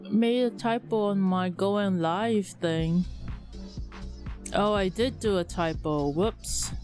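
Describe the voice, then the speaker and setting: A woman streamer chatting casually with her viewers, talking with a slight lisp and a relaxed, rambling manner. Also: medium pitch, slow, soft background music. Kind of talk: casual live-stream chat.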